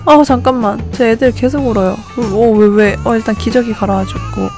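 A woman with a fairly high voice talks through her game in casual commentary. She fusses, exclaims and coaxes as she plays, and faint game music sits under her voice. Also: steady tone, normal speed, darkish tone. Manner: fussing, exclaiming, coaxing sleepy babies. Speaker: gameplay streamer.

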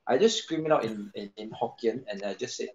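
A man telling a ghost story on a video call, halting, with many fillers and restarts. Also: medium pitch, lo-fi sound. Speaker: guest storyteller. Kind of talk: casual chat on a video call.

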